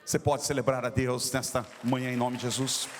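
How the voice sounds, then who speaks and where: A male pastor preaching a sermon, telling a personal story with emotional swings from loud exclamations to low asides. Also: level tone, a little fast, some chatter behind. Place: church sanctuary. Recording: church hall with long reverb.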